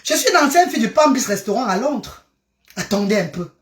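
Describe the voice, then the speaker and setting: Woman on a live stream, kinda high voice, echoey room, all over the place and excitable. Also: brisk. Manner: animated, exclamatory, jumps between topics. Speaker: social media live streamer. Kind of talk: casual live-stream chat. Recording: roomy echo.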